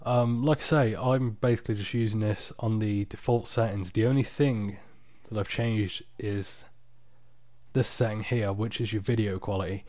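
Male, low-pitched, tired, casual screen-recording walkthrough, unpolished and informal, dry close sound. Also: steady tone, moderate pace, a little mellow, dry recording. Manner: informal, unpolished, off-the-cuff explaining. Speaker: software tutorial presenter. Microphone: external microphone, close and dry.

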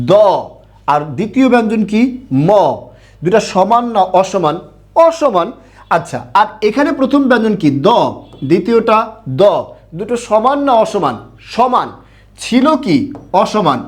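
High-voiced male teacher drilling questions. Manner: asks questions and answers them himself; repetitive, drilling. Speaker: grammar teacher. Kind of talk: online grammar lesson.

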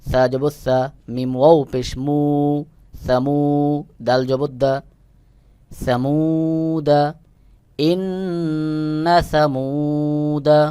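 A man's voice: a little high, a little mellow, clean tone, no echo. A man teaching Quran reading, spelling out each letter and its vowel and then blending them into the word. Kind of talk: slow syllable-by-syllable recitation lesson.

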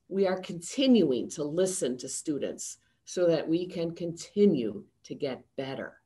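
An older woman in her sixties gives a formal, prepared address from her home study over a video call. Her delivery is slow and unhurried, set in a slightly low register, and she keeps a steady, measured tone throughout. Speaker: seminary president. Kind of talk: prepared address to a town hall.

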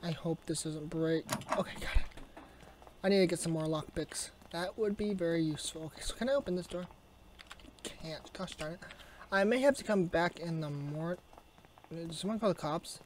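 A YouTuber with a raspy voice from a sore throat, chatting and grumbling to themself through casual gameplay commentary. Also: medium pitch, normal speed, a little mellow, a little hiss or hum. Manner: mutters and grumbles to self, chatty asides. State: sick with a sore throat, coughing. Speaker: gaming YouTuber.

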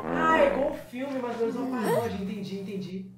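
Brazilian man, reaction host, excitable and exclamatory, echoey room, loud background music. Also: very high voice, brisk, recorded from a distance. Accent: Brazilian Portuguese. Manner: excitable, exclamatory, chatty with viewers. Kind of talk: casual reaction commentary.

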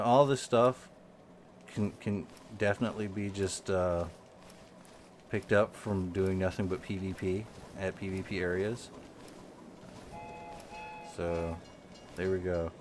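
Man, low voice, slow unhurried delivery, casual game commentary, stumbles and repeats words, faint background hum. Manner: halting, repeats words, frequent ums, slow and mumbling. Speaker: gaming channel host.

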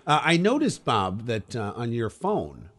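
A man's voice: mid-range voice, huge pitch swings, measured pace, a bit bright, slight background noise. A man hosting a radio show in casual, bantering talk. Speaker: radio host.

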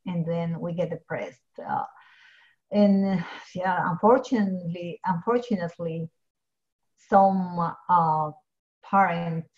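A middle-aged woman from Ecuador speaks. Her voice sits a little low. She talks earnestly, with fillers and restarts, through dull, lo-fi video call audio from a home office. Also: takes it slowly, darkish tone. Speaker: pharmacist guest.

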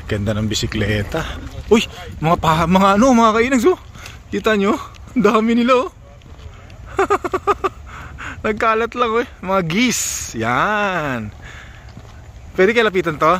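A man's voice: high voice, big pitch swings, measured pace, fairly bright tone, slight background noise. A man talking casually to his viewers while walking outdoors by a lake, exclaiming often at the sights. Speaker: vlogger.

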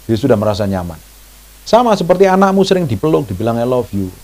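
A man preaching a sermon. His delivery is animated and conversational, full of questions to the congregation. He often jumps into high, mocking voices when he quotes people. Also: fast talker. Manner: chatty, asks the congregation questions. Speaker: pastor.

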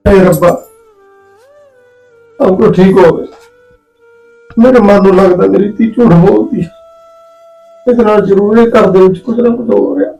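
A man's voice: high-pitched, normal speed, vocal fry, pauses often. A worried old village father. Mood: anxious. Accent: Punjabi. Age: older. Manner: pleading, fatherly. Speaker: father-in-law, father of the bride. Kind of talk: short film drama acting. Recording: roomy sound with soft music behind.

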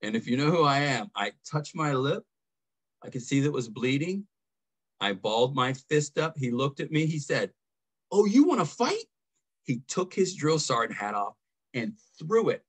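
A man's voice: medium pitch, lively intonation, moderate pace, fairly bright tone, husky. A man, an army veteran, casually telling a story from his service in a conversational way with chuckles between lines.

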